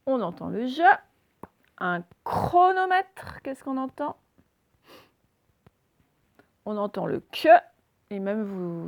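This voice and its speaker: Slow, gravelly-voiced woman teaching phonics. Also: mid-range voice, darkish tone. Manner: slow and deliberate, sounding out letters and quizzing listeners. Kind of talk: phonics reading lesson.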